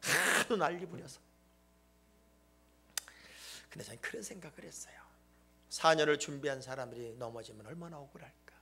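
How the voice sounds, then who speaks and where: A man preaching a sermon as a church pastor, joking and emphatic, swinging between loud exclamations and hushed asides. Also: on the high side, quick pace, creaky, a little hiss or hum. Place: church sanctuary.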